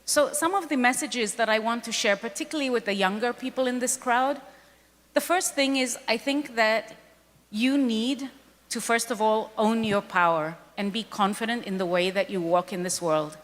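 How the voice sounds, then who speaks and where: A Kenyan woman, president of a foundation, speaks earnestly at a panel event, pressing her points and repeating them for emphasis. Her voice sits a little high and moves at a normal speed. A large hall gives the recording a long reverb.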